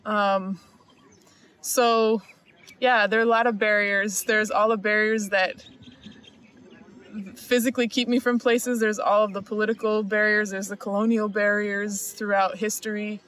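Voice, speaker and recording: A woman's voice: mid-range voice, unhurried. A woman from the Midwest of the US, talking thoughtfully and evenly in an interview. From Evanston, Illinois. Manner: thoughtful, even delivery. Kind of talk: reflective interview talk.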